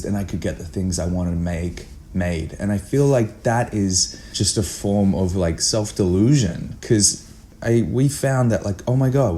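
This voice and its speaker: A young man appears as a filmmaker guest in a casual interview chat, often acting out his own thoughts as quotes. His voice sits low with a warm tone, and the recording has noticeable background noise and room ambience.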